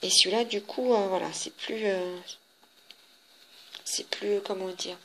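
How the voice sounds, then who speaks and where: A woman with a French accent casually shows her handmade cards, talking in a chatty, halting way with many fillers and restarts. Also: medium pitch, steady tone, noisy background. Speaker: papercraft vlogger.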